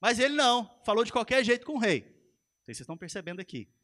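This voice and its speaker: High, bright-voiced pastor preaching. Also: male voice, quick pace. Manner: animated storytelling, addressing the congregation directly. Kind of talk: sermon. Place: church.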